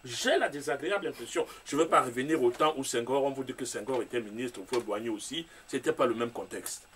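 A man's voice: mid-range voice, quick pace, a bit bright. A man from Cameroon with a Cameroonian French accent, an author speaking as a guest on a discussion show, emphatic and repeating his points. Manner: emphatic, with repeated rhetorical phrases. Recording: distant mic with faint room noise.

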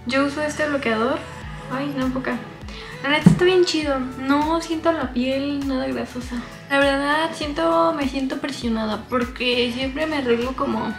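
Mexican girl in her 20s rambling through a makeup vlog, high voice, roomy echo, music behind. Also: normal speed. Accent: Mexican Spanish. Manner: chatty, rambling, self-deprecating asides. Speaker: vlogger. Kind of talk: casual makeup vlog chat. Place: small bedroom, indoors.

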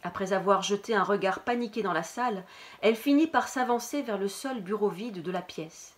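A woman's voice: mid-range voice, moderate pace. Woman reading a novel aloud. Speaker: reader.

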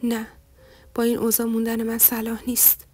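A woman voicing a patient, hurt young husband who asks gentle questions. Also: fairly high pitch, monotone, husky.

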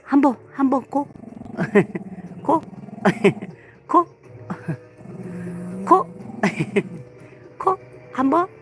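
Slow, coaxing woman with a high voice. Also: big pitch swings, a little hiss or hum, rough recording. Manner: coaxing, repetitive, laughing often. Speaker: live-streaming pet owner. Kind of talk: casual live stream talk.

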